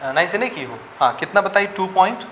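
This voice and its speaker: A man lectures a physics class in a slightly high, fairly bright voice, speaking fast with big swings in pitch. He calculates numbers aloud and asks students for answers, in an echoey room with faint noise behind him.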